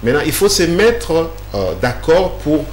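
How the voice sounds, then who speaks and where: A guest with a slightly high, sing-song voice answers interview questions at length at a measured pace. He explains patiently but hesitantly, full of fillers, restarts and repeated words. The room is echoey with a faint hum.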